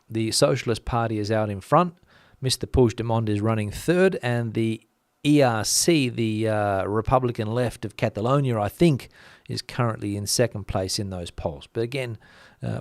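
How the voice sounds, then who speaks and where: A man's voice: lowish voice, normal speed, a little mellow, no room sound. Chatty man with a dry, close sound. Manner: chatty, thinking aloud with many fillers. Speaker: host reading viewer comments. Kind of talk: casual commentary.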